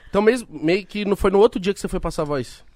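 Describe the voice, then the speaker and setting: A man's voice: high voice, rapid-fire, a little mellow, no room sound. A man hosting a casual interview, asking questions with enthusiastic, slangy reactions. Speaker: podcast host.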